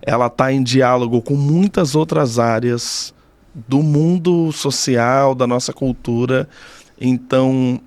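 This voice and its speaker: This man in his thirties has a mid-range, slow, slightly mellow voice and a Brazilian Portuguese accent. As an interview guest on a podcast, and a doctoral student in communication, he talks casually and reflectively, repeating phrases to stress them. No room sound is audible.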